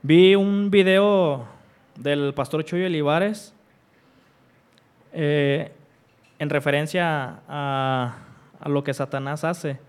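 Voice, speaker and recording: A man preaching a sermon, stressing repeated refrains and reading scripture aloud with deliberate pauses. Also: on the high side, steady tone, clean tone. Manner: emphatic repeated refrains, rising on each.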